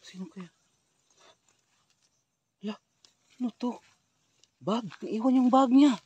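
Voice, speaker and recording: Man ghost hunter vlogging outdoors, high voice, hushed murmurs then loud calls, rural woods. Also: slow, slightly rough, muffled recording. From Philippines. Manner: shifts between loud calling out and low hushed murmurs. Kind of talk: hushed exploring vlog commentary. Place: outdoors in a rural wooded area.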